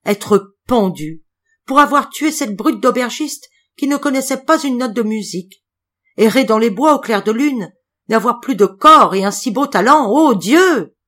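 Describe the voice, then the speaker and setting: A woman's voice: mid-range voice, sing-song, normal speed. A woman doing an effusive young traveling musician. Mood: rapturous. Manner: exclamatory, effusive. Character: young male wandering musician, awestruck and excitable.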